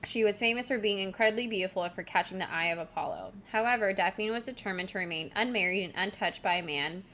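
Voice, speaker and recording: A woman's voice: medium pitch, quick pace, pushed and bright. A woman co-hosting a podcast, casually retelling a myth in a chatty way with frequent giggles. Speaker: podcast co-host. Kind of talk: casual storytelling chat.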